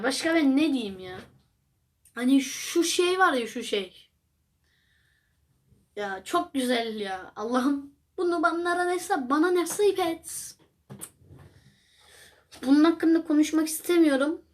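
Young woman, high voice, rambling reaction-video host, exclaims often. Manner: chatty, rambling, exclamatory, addresses viewers as friends. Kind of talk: casual reaction commentary.

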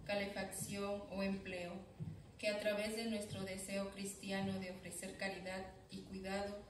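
A woman reading the prayer intentions as lector in a church sanctuary, in a steady, even reading. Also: mid-range voice. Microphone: far camera. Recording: echoey church from far off, background noise.

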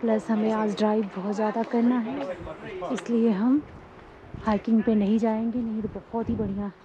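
A travel vlogger in her thirties excitedly narrates while walking a sunny volcano hiking trail, holding the camera at arm's length and chatting about sights along the way. Her voice is fairly high at a moderate pace, and the dull outdoor phone audio picks up wind and crowd noise.

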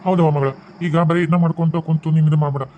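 A man's voice: fairly high pitch, steady tone, rapid-fire, warm tone, lightly acted. A man voicing a protective ghost father in a cartoon, reassuring in a North Karnataka Kannada accent. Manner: reassuring, firm.

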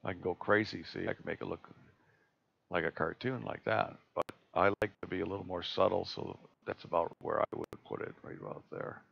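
A man presenting a live screen-share tutorial on a video call, talking in a relaxed, halting way with many fillers and restarts. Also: sits low, creaky, husky. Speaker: astronomy club presenter. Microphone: computer mic on a video call. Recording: dull lo-fi video call audio.

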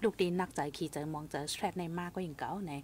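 A woman hosting a casual radio talk show, giving reflective and gentle advice. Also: deep voice, racing, slight background noise. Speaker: radio host.

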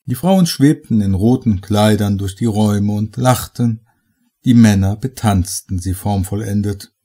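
A man reading a horror story aloud as narrator, slow and measured. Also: lowish voice, warm tone. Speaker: audiobook reader.

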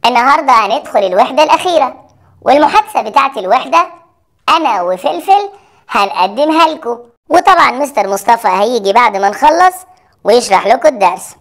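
Cheerful high-voiced Egyptian woman teacher. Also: expressive, quick pace. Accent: Egyptian Arabic. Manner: warm, affectionate address to pupils. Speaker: English teacher presenting a lesson. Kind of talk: cheerful lesson for children.

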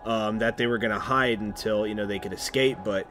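A man's voice: on the low side, steady tone, fairly quick, fairly bright tone. A young man chatting as a podcast guest, recapping a film in a rambling way with many restarts and frequent laughter. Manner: rambling, full of fillers and restarts, laughs often. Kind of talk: casual movie recap chat.

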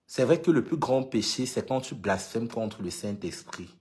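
In a relaxed vlog to followers, this LGBT activist from Cameroon talks with emphasis, going back over points to drive them home. The voice is medium in pitch, expressive and slightly mellow, at a normal speed, carrying a Cameroonian French accent.

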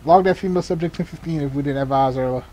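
A man with a fairly high pitch and a dark tone talks very fast. He's a gamer playing a sheriff's deputy on patrol, improvising police radio call-outs that combine clipped procedural jargon with muttered casual asides, with game vehicle and ambient sounds behind him.

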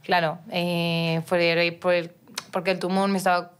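A young woman from Mallorca talks as a podcast guest, her voice sitting a little low. She tells her story casually, breaking off and restarting and acting out what people said to her. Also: little pitch movement, unhurried, clear, resonant tone. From Mallorca, Spain. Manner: storytelling with many restarts and quoted dialogue. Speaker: guest, professional footballer. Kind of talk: casual interview chat.

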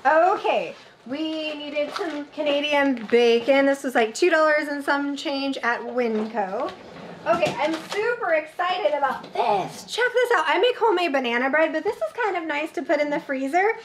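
Chatty high-voiced woman vlogger. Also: moderate pace, noisy background. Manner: chatty and excitable, with sudden squeals. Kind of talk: casual grocery haul chat. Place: home kitchen, indoors.

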